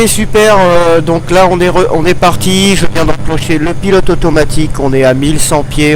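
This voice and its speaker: Man narrating a flight over clear engine noise. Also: fairly high pitch. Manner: hesitant, step-by-step narration. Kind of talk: casual flight commentary.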